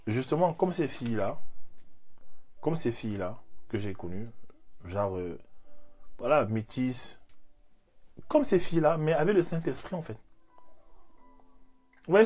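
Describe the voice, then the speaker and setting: A man, giving an animated, repetitive motivational faith talk as a life coach. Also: medium pitch. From Cameroon. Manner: animated, repeats phrases, leans on fillers.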